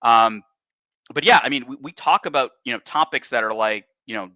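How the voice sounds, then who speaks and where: A male host talks casually and bluntly on a livestream, cursing freely and breaking into animated asides. His voice has a bright, forceful edge. The sound is dry and close, with little room echo. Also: medium pitch, a little fast.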